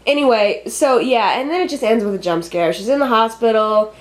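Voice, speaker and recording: A woman co-hosting a podcast, chatting casually with quick reactions and wry asides. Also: a little high. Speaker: podcast co-host. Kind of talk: casual chat.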